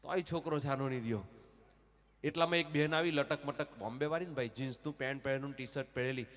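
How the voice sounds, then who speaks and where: Brief: male stage comedian from the Surat region, Surati accent, bright lively delivery, long hall reverb. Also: mid-range voice, fast talker. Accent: Surati Gujarati. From Surat region, Gujarat. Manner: animated storyteller, acts out dialogue, breaks into song. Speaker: stage comedian and folk performer. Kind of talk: live comic storytelling with sung lullabies. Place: stage at a temple festival, live audience.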